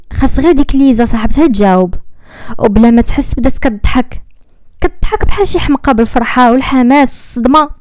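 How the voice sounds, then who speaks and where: Warm-voiced Moroccan woman telling a dramatic story. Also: a little high, no echo. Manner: measured and dramatic, slowing at tense moments.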